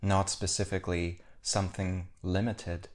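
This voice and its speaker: A deep-voiced man guides a meditation as a teacher. He speaks calmly, in short, measured phrases broken by pauses.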